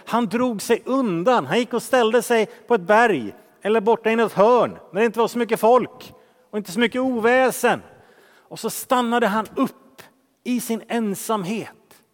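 A man preaching a sermon as pastor, earnest, swinging from loud emphasis to hushed softness. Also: high-pitched, in a large hall. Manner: earnest, shifting between loud emphasis and hushed soft speech.

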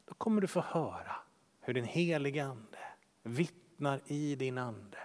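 A man preaching a sermon as pastor, earnest, swinging from loud emphasis to hushed softness. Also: mid-range voice, animated, in a large hall. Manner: earnest, shifting between loud emphasis and hushed soft speech.

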